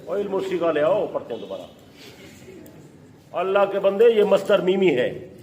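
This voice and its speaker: A man teaching a religious class, dictating each phrase slowly and firmly and scolding his students in between. His voice sits a little high. He is recorded in a lecture hall with a long, ringing echo and faint room noise behind him. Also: very animated, warm tone. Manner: slow emphatic dictation, scolding asides.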